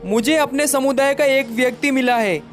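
A man's voice: very high voice, normal speed, faint music behind. A young man narrating a mock-serious survival-show spoof as he walks through an outdoor street market. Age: young adult. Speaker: comedy vlogger.

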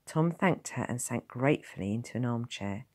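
An expressive woman teacher reading a novel chapter aloud for her class. Her narration rises and falls in a lively way. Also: rumbling low, normal speed. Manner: expressive, voices each character. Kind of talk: storybook narration.

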